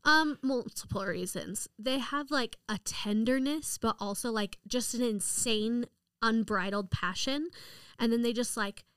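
A woman's voice: on the high side, measured pace, fairly bright tone, clear, resonant tone, no room sound. A woman co-hosting a podcast, chatting casually with lots of laughter and rambling, enthusiastic explanations. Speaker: podcast co-host. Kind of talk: casual chat.

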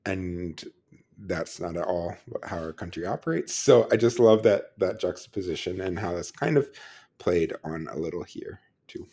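A man's voice: sits low, normal speed, gravelly, mellow, breathy edge. A man co-hosting a podcast in casual chat, thoughtful and talky, with dry sarcastic asides. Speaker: podcast co-host.

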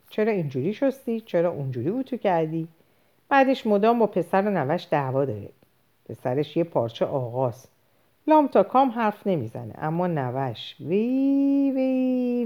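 A woman's voice: lowish voice, mellow. Woman reading as a rambling, gossipy old housekeeper. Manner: endless rambling complaints with fond endearments. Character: chatty older female housekeeper, gossiping nonstop.

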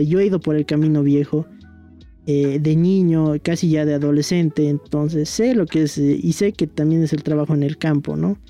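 A man's voice: a little high, dark tone. A young man with a Bolivian Spanish accent, telling a personal story in a rambling, casual way, with many fillers and tag questions. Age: young adult. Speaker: young historian guest.

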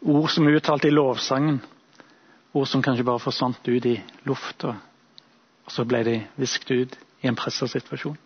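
A male preacher giving a sermon, retelling a Bible story in a reflective, imaginative way with thoughtful pauses. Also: medium pitch, steady tone, slightly rough, lo-fi sound.

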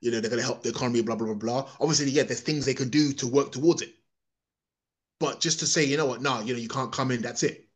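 A quick-talking English man with a medium-pitched voice delivers a rambling, opinionated podcast monologue, frequently restarting and repeating his words.

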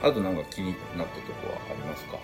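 A man's voice: low voice, lively intonation, fast talker, vocal fry, music in the background. A middle-aged man co-hosting a podcast in casual chat, telling a rambling story with lots of fillers and restarts. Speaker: podcast co-host.

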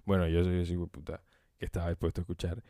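Man, very deep voice, solo podcast host, rambling profane banter, close mic, dry sound. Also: monotone, very fast, dark tone, no room sound. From Colombia. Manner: rambling, profane and joking, often laughing. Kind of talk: casual solo podcast monologue. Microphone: close microphone.

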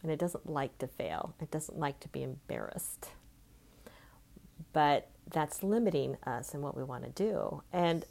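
A woman speaks in a notably low voice. She talks earnestly and conversationally, thinking aloud as she reflects in a personal vlog. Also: very animated, measured pace, vocal fry, a little mellow. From California. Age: 50s. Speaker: self-help vlogger.

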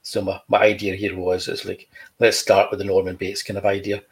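A man's voice: low voice, flat delivery, brisk, low-quality recording. A man, a comic book creator talking casually and showing his artwork, chatty with dry humor.

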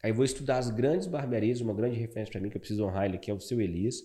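A Brazilian man in his thirties, a barber, telling his story as a guest in a casual interview, animated and calling the listener "cara". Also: fairly low pitch, rapid-fire. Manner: animated, fills talk with "cara".

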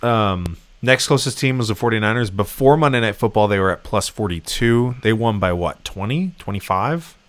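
A man hosting a sports podcast in casual, animated chat, laughing often. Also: lowish voice, moderate pace, a little hiss or hum. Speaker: podcast host.

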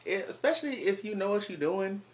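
A man in his twenties hosting a casual podcast, animated and hyped, full of slang and exclamations. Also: high-pitched, fairly quick. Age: 20s. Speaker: podcast host.

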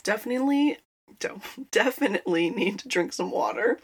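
A woman's voice: mid-range voice, expressive, normal speed, husky. A young woman hosting a podcast, chatting casually and laughing often as she rambles, recorded inside a small closet. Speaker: podcast host. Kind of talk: casual chat.

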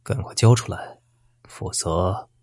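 A man with a husky voice voicing a vicious, vengeful male bandit who taunts his old teacher with menace. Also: low-pitched, slow pace, a little mellow, dry recording, studio quality. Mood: menacing.

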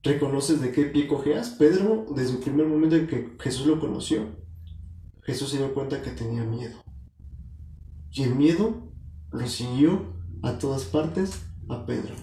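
A man's voice: mid-range voice, lively intonation, unhurried, long pauses, dark tone. A man preaching a sermon. He talks earnestly, calls his listeners brothers and corrects himself now and then. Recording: echoey room.

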